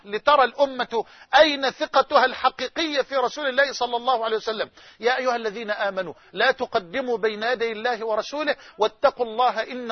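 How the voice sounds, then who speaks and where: A man's voice: very high-pitched, dry recording. A man with an Egyptian Arabic accent preaching a sermon, telling stories with passion. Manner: impassioned storytelling. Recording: dull, dry recording.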